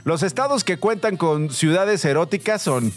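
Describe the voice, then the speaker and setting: A man's voice: on the high side, moderate pace, soft background music. A man hosting a radio show with a Mexican Spanish accent, joking and teasing in casual banter. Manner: playful, teasing, lively banter.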